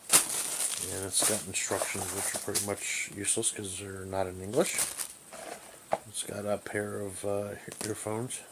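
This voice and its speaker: An amateur radio hobbyist reviews a gadget casually and unscripted from a small bedroom, rambling and hesitating as he often searches for words. His voice is on the low side with vocal fry, and the recording is very noisy.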